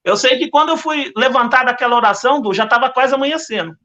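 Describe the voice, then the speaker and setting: Bright-voiced Brazilian man giving testimony. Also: very high voice, fast, muffled recording. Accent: Brazilian Portuguese. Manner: earnest, repetitive storytelling. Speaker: podcast guest. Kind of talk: religious testimony.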